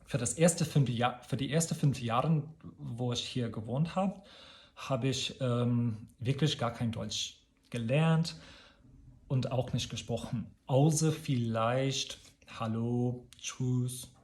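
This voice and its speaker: Slow-speaking American man, halting in German. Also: mid-range voice, darkish tone. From United States. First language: English. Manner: halting non-native German with searching self-corrections. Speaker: video channel host. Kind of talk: casual personal vlog monologue.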